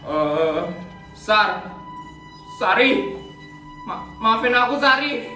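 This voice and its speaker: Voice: mid-range voice, lively intonation, extremely slow, pushed and bright, full character voice. A performer voicing a cocky schoolboy bully in an amateur fan horror drama, teasing his classmates. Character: school bully boy, cocky then frightened. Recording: very echoey, far from mic, music behind.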